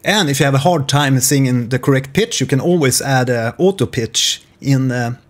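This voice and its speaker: This is a measured, informal instructional tutorial on music software, delivered via screen share by a man in his forties. He works from a small home studio, and his pitch is medium.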